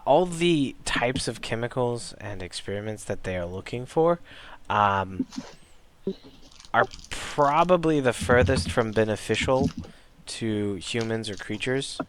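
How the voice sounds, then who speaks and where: A young man running a tabletop game as game master, narrating in a rambling way with many pauses and restarts. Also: medium pitch, animated, fairly bright tone, a little hiss or hum. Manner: rambling, full of ums and restarts.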